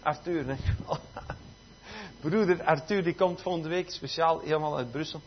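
A man's voice: a little high, normal speed, a little hiss or hum. A man preaching a church sermon, emphatic and dotted with amen and halleluja. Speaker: pastor. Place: church service. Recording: dull lo-fi recording.

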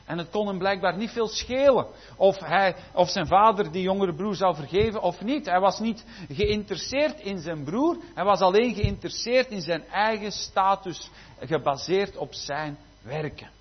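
A man's voice: sits high, expressive, moderate pace, breathy edge. A man preaching a sermon, emphatic with frequent amens and rhetorical asides. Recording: dull lo-fi recording.

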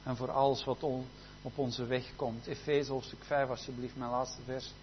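A man preaching a sermon, often saying amen and hallelujah, shifting between loud fervent exclamations and quiet intimate passages. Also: little pitch movement, normal speed. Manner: peppers speech with amen and hallelujah. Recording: dull low-fidelity recording with faint hum.

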